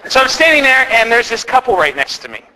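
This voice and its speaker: A man's voice: extremely high pitch, sing-song, fast, pushed and bright, long reverb tail, poor audio. A man who is a priest, telling a chatty, self-deprecating comedy story to a live audience and acting out the quotes. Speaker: priest doing stand-up comedy. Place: parish hall with live audience.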